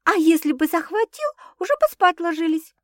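A woman's voice: brisk, no room sound, clean studio sound. A woman voicing an emotional, dramatic young woman who exclaims and protests, her voice raised above the narration. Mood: indignant. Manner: excitable, exclaiming, higher and louder than narration.

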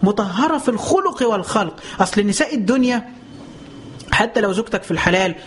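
A man with an Egyptian Arabic accent giving a colloquial religious lesson. He fires off rhetorical questions, lets out drawn-out exclamations, and slows right down to recite scripture. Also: sits high, expressive, a little hiss or hum. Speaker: preacher.

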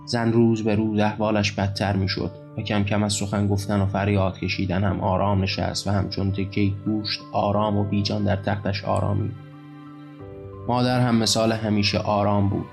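A man reads his own novel aloud, low in pitch and keeping a flat, level delivery throughout. Faint music sits underneath the narration. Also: vocal fry. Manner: even, measured literary reading. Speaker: author and narrator. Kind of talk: audiobook narration.

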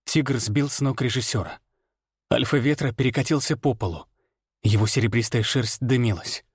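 A man reading first-person fiction aloud in a steady, measured way. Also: medium pitch, breathy edge, dry recording, clean studio sound. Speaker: audiobook narrator. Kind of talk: scripted first-person narration.

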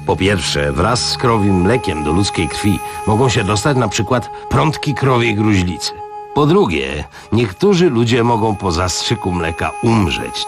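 A man's voice: on the low side, pitched above the performer's own voice. A man reading a lecturing old-school doctor. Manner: explanatory, measured lecturing. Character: learned middle-aged male pathologist, lecturing.

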